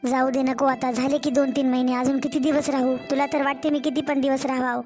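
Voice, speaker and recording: A woman's voice: high voice, level tone, fairly quick, a little mellow, soft background music, close to an everyday voice. A woman voicing a weary young new mother, complaining and pleading to her own mother in a cartoon story.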